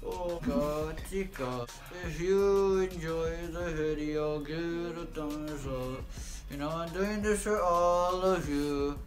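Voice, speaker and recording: A man's voice: a little high, slow, faint music behind. A young man with clothespins pinching his nose and lips, chatting and groaning in pain for a casual challenge vlog. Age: teenager or young adult. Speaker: host of a challenge video. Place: small room indoors. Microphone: camera a few feet away.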